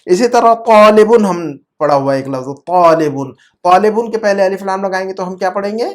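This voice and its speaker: An Arabic teacher explaining pronunciation in an online class, repeating words patiently, checking understanding often and mixing in English terms. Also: medium pitch.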